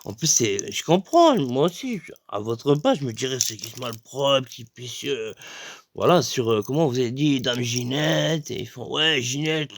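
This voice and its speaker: A man telling a rambling comic story, full of fillers and sudden jumps in pitch for emphasis. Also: expressive, moderate pace, no echo. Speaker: comedian.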